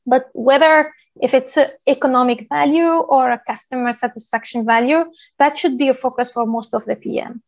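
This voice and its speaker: A woman from Tunisia in her thirties gives a presentation on product work, pausing often with "uh" as she explains step by step. Her voice sits a little high. The recording is dry and slightly dull. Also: gravelly, no echo. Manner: steady explanatory delivery with frequent "uh" pauses. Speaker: guest speaker, product manager. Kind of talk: presentation talk.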